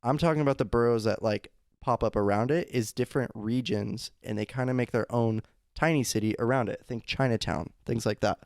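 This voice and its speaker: A man's voice: mid-range voice, brisk. A young man from Southern California co-hosting a podcast, arguing and explaining his point insistently in casual chat. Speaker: podcast co-host.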